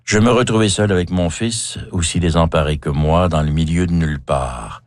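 A very low-voiced Québécois man reads his own life story with measured, wry theatricality. The recording is dry and close, with no room sound. He sounds like an author in his fifties telling his past. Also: no room sound. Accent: Québécois French. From Quebec. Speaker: author narrating his memoir. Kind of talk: reflective autobiographical reading.

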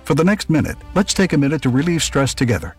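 Calm husky male breathing guide. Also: fairly high pitch, soft background music. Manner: calm, measured, instructive. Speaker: ad announcer.

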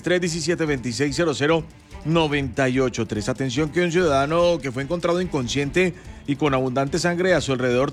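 A man hosts a dawn radio show in a high, bright voice. He repeats time checks and slogans, then reads the news. Faint music plays beneath his studio mic. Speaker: radio morning show host. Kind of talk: early-morning radio hosting and news reading.

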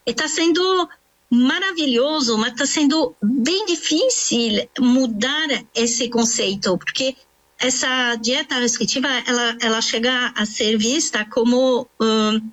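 A woman's voice: on the high side, fairly bright tone. Woman nutritionist explaining earnestly. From France. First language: French. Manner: earnest, explanatory, with many fillers and restarts. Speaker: nutritionist, author. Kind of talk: interview answer.

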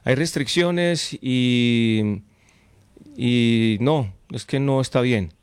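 This Colombian-accented man hosts a casual late-night radio show, chatting informally with listeners and often repeating his phrases. His mid-range voice is smooth and very slow, and the recording is dry.

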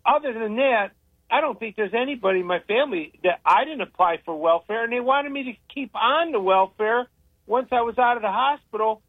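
A man's voice: extremely high pitch, lively intonation, brisk, no echo. Older man, tinny radio, rambling opinions. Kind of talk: casual radio talk. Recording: tinny phone-line radio sound, dry.

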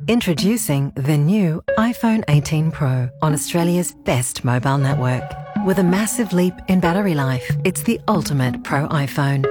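A woman's voice: deep voice, lively intonation, normal speed, music in the background. A woman reading a polished, scripted advertisement as an announcer. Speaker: commercial announcer.

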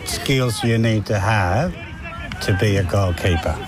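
A man's voice: fairly low pitch, measured pace, reverberant, a crowd in the background, poor audio. Male podcast host, casual, keeps the guest talking. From Uruguay. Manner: chatty, prompting guests with names and questions. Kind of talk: casual sports chat.

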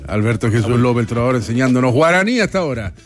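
A man's voice: medium pitch, big pitch swings, racing, faint music behind. A man hosting a casual sports chat, wry and joking. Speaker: studio host.

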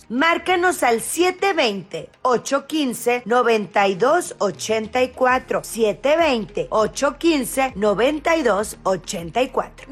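Persuasive woman in a radio ad. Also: a little high. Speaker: ad announcer. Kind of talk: scripted radio commercial.

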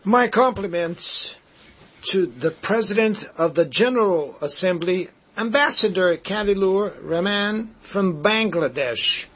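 A man giving a live interpretation of a formal speech, in measured phrases broken by pauses. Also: high voice, animated, a bit bright, breathy edge, muffled recording. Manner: measured, halting delivery with pauses between phrases. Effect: live interpreter voice, dubbed over a speech.

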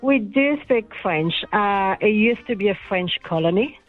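A chatty woman from Senegal phoning in to a radio programme. She talks in a relaxed, friendly way, laughs easily, and her voice sits in a middle register, with faint music playing underneath. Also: medium pitch, unhurried, phone-quality sound. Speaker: caller. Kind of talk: casual radio call-in chat. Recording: phoned-in call over the radio.

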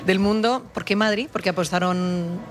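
A man's voice: sits high, steady tone, moderate pace, slight background noise. A man, hosting an on-location radio interview in a chatty, enthusiastic way. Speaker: radio host.

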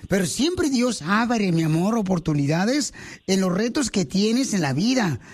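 Animated radio host, high voice. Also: male voice, unhurried. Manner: animated, calls guests pet names, playful. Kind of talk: lively radio talk show hosting.

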